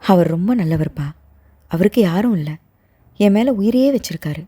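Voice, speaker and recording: A woman's voice: medium pitch, animated, normal speed, dark tone, husky. A woman voicing an anxious young woman in love, who talks in a hesitant, pleading way.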